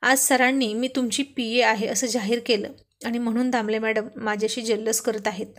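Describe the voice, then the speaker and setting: Young female assistant, apologetic and complaining, higher voice, as a narrator reads her. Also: level tone, moderate pace, natural voice. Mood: nervous.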